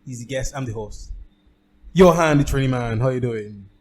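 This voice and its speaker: A man hosting a casual podcast, playful and teasing, breaking into loud hype calls. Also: mid-range voice, normal speed. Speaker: podcast host.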